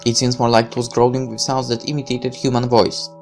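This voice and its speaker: In a bass voice that's level and darkish, a woman reads a visual novel's text fairly quickly, sprinkling in irreverent, sarcastic remarks as offhand commentary. Faint music plays in the background of the game playthrough.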